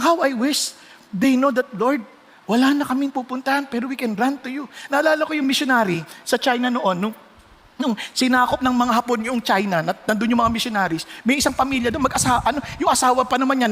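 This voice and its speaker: A male pastor with a Filipino accent preaches a sermon in a large hall, mixing Tagalog and English and bursting into sudden loud exclamations. His voice is very high-pitched and he talks fast.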